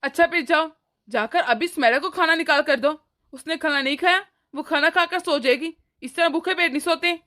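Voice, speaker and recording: A protective older brother in an animated story, as a woman voices him, firm and scolding but fond at heart. The voice sits high and bright for a man, delivered with steady authority. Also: brisk. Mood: stern. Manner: firm, scolding yet affectionate. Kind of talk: animated cartoon voice acting.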